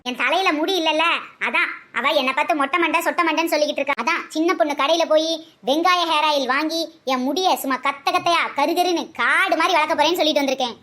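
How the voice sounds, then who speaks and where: A woman playing quarrelling village women, a mother-in-law and a daughter-in-law, in a scripted comedy skit, with teasing, quick-tongued banter. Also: sits high, bright, forceful tone. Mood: quarrelsome.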